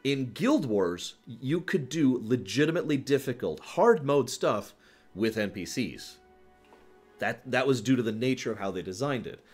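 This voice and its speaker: This livestream host has a medium-pitched, expressive voice with a darkish tone and a breathy edge, speaking at a moderate pace over faint music. Chatting casually about games to his live chat, he rambles and digresses emphatically, often repeating phrases for stress.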